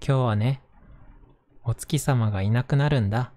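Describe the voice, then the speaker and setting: Man voicing a gentle, lonely little toy doll. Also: medium pitch, normal speed, close to an everyday voice. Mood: gentle concern.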